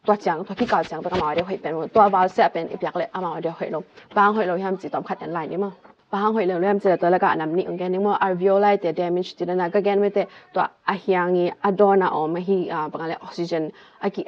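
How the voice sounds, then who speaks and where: A woman vlogger calmly explaining a health topic, stepping through medical terms one by one. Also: lowish voice, quick pace, highs cut off.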